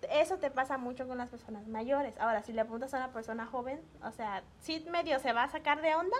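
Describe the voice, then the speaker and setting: A woman with a Mexican Spanish accent chats casually as a podcast guest. Her voice sits a little high, and she tells her stories with energy, acting out what each person said. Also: fast. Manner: animated storytelling, acts out quoted dialogue.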